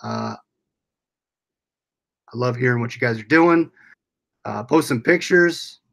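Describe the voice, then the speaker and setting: A man's voice: mid-range voice, slow pace, gravelly, fairly bright tone. An American man hosting a casual livestream, rambling along as he reads and answers viewers' comments aloud. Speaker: livestream host.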